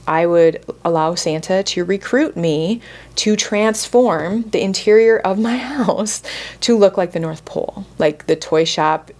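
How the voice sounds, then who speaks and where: A woman podcast host in her forties speaks with a somewhat low voice. She talks candidly and casually, sprinkling in "like" as she shares a heartfelt personal story. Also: unhurried, a little mellow. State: close to tears at moments.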